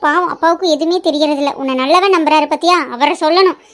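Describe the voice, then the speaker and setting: A woman's voice: sits high, fairly even intonation, quick pace, close to an everyday voice. A woman voicing a spirited young woman who scolds her mother and defends her elder sister in a cartoon. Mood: indignant. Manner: indignant, earnest, protective. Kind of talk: cartoon voice acting.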